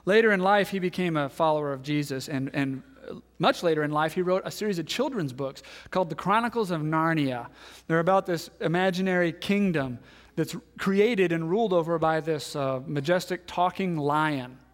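A man in his thirties, a pastor giving a sermon, telling a story and acting out the voices in it, then dropping to hushed tones. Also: on the high side, normal speed. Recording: long hall reverb.

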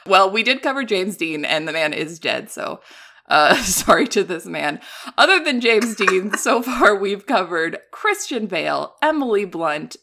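A woman co-hosting a podcast in casual, playful chat, quick with jokes. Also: medium pitch, very animated, bright, forceful tone. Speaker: podcast co-host. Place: home recording setup.

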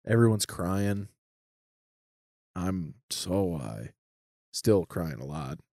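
Animated man telling a story. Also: low voice, very slow, vocal fry, no room sound, studio quality. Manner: animated, lots of "like", laughs often. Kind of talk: casual storytelling chat.

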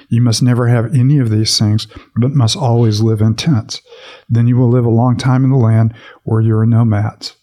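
A man's voice: mid-range voice, mellow. A man hosting a devotional podcast, reading scripture aloud and then reflecting on it in an easygoing way with many fillers. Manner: reflective, with many fillers when speaking freely. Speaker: podcast host and Bible reader.

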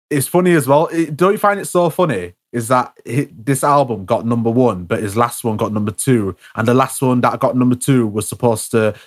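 A young man chats casually with a friend about music, often stumbling, restarting, repeating words, and filling gaps with fillers. He speaks at a moderate pace in an ordinary middle pitch.

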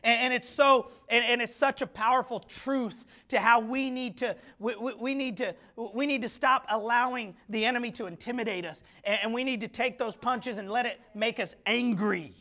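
A male pastor preaching an impassioned sermon to his congregation, full of rhetorical questions and quick stammered restarts. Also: very high-pitched, bright, forceful tone. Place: church sanctuary.

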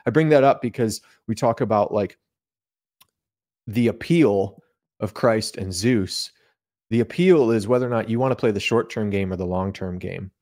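A man with a lowish, slightly mellow voice talks at a moderate pace as a podcast guest. He explains ideas casually in a theological conversation, speaking colloquially and often voicing imagined remarks.

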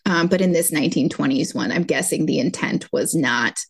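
A woman co-hosting a casual podcast chat, explaining things in a measured, conversational way. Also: sits low, husky, dry recording. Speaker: podcast co-host.

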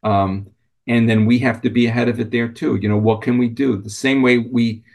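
A man answering as a company executive in an unscripted interview, conversational and halting, often repeating words. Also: mid-range voice, steady tone, darkish tone.

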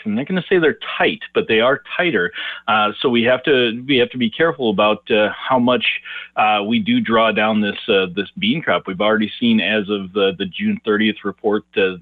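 Man on the phone, market analyst, halting delivery full of "uh"s, thin phone-line sound, dry. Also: fairly low pitch, no echo. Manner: hesitant, many "uh" fillers and restarts. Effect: heard over a phone line. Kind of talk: casual radio interview answers. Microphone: telephone.

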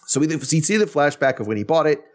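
A man hosting a podcast, recapping an episode in a wry, animated way, with many restarts. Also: on the high side, fast talker. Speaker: podcast host. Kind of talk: casual recap chat.

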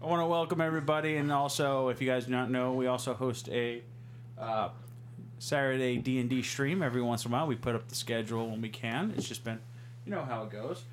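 A man's voice: medium pitch, quick pace, slight background noise. A man hosting a podcast in loose, rambling casual chat. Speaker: podcast host.

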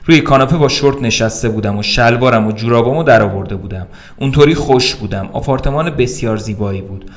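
Man reading a story, wry and conversational. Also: medium pitch. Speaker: podcast narrator. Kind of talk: reading a short story aloud.

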